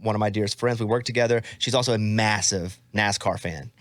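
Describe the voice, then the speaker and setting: A man's voice: lowish voice, fairly even intonation, a little fast, no echo. A man hosting a podcast, asking questions in a jokey, self-deprecating way. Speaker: podcast host. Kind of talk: casual interview chat.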